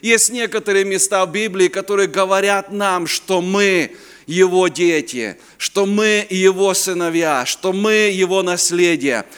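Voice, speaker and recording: In a reverberant conference hall, a native Ukrainian speaker in his fifties from Ukraine jokes and chats through a sermon as a youth conference's guest preacher, occasionally groping for words. He has a Ukrainian accent and a high-pitched, clean, slightly bright voice at a measured pace.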